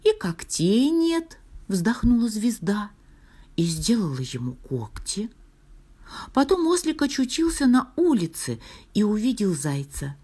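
A woman reading a fairy tale aloud in a soft, half-whispered, expressive storytelling voice. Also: mid-range voice, a little slow, breathy edge.

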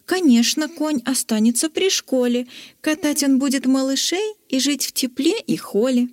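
A woman narrating a rhyming children's story in a lively, playful way. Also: high-pitched, normal speed, no echo, clean studio sound.

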